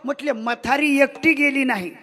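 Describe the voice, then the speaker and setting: A man preaching a devotional storytelling sermon, lively and full of rhetorical questions to the audience. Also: very high voice, normal speed. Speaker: kirtan preacher.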